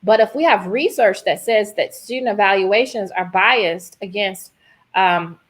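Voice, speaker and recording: A guest professor, a woman with a medium-pitched voice, takes part in an informal discussion. Her manner is candid, deliberate and emphatic.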